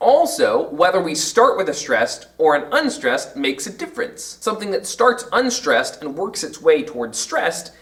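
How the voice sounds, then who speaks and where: A man explaining poetry terms in an educational video lesson, with emphatic, drawn-out example words. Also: a little high, big pitch swings, a bit bright, far from the mic.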